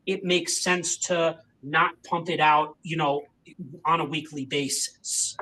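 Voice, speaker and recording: A man's voice: a little high, steady tone, takes it slowly, bright, forceful tone, a little hiss or hum, rough recording. A man hosting a podcast, chatting casually and rambling with many "you know" fillers. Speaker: podcast host. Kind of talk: casual interview chat.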